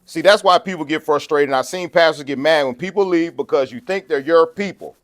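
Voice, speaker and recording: A man preaching a sermon, conversational, shifting between quiet asides and loud, slow scripture reading. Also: fairly high pitch. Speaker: pastor.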